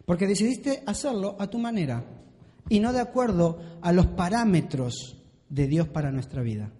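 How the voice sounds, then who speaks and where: High-voiced preacher in a reverberant hall. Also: male voice, animated, moderate pace, dark tone. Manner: repetitive rhetorical questions to the congregation. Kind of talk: sermon. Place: church hall. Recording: long reverb of a large hall.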